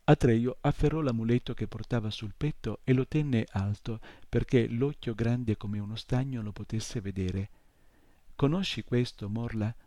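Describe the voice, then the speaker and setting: A man reading a fantasy novel chapter aloud in calm, measured audiobook narration. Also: mid-range voice, no room sound, clean studio sound. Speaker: reader.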